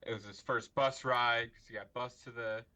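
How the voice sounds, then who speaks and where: A man co-hosting a podcast, chatting casually and haltingly with lots of likes and restarts. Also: medium pitch, fairly even intonation, pushed and bright. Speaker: podcast co-host. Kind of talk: casual sports chat. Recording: dull lo-fi recording.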